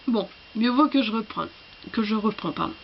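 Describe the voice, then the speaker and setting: A woman with a cold, coughing now and then, who talks to camera about books in a halting, apologetic way. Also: a little high, gravelly, muffled recording, a little hiss or hum. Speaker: book vlogger. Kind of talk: casual chat to camera.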